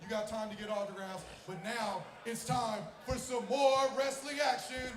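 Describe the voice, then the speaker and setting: A man working as a live wrestling ring announcer, projecting in a theatrical, drawn-out showman style over a venue PA. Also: high-pitched, level tone, noisy background. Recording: echoey live venue, loud music, crowd.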